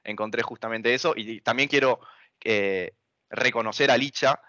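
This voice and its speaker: A young adult man with a Buenos Aires Argentine Spanish accent, a student activist being interviewed, answers earnestly but hesitantly, as if thinking aloud. His mid-range voice has a sharp tone and normal speed, and the dry recording has dull, lo-fi audio.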